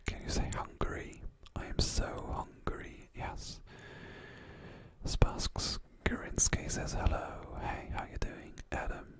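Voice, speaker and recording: This is a slow, soft whisper from an ASMR livestreamer at home, who drifts along casually while voicing the messages viewers send in.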